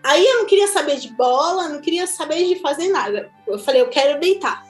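A woman with a Brazilian Portuguese accent recounts her own experience in a lively, chatty voice that sits high in pitch. She speaks casually and laughs easily. The room rings with echo, and faint music plays underneath. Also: brisk. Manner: animated, chatty, laughs often. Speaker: mother telling her birth story. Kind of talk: casual personal storytelling.

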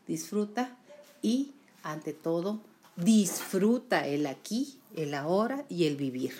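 A woman gives a motivational talk. Her delivery is animated and emphatic. She repeats key phrases and acts out the everyday complaints she quotes. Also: medium pitch. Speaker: motivational speaker.

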